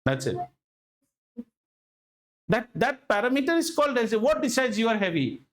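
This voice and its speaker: A man with an Indian accent teaching a school lesson, animated and emphatic, often repeating himself and asking rhetorical questions. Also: very high voice, moderate pace. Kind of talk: interactive classroom lesson.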